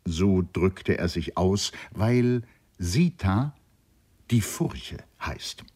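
A man narrating a literary story in an audiobook, reading in an expressive, measured way. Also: low voice, husky.

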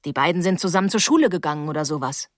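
A woman's voice: deep voice, expressive, racing, no echo, clean studio sound. A woman reading the lines of a tall, cocky teenage boy in a teasing, offhand tone.

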